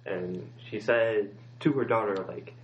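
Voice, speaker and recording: A man co-hosting a casual chat about television, talking in a halting way with many pauses and fillers. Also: on the low side, a crowd in the background.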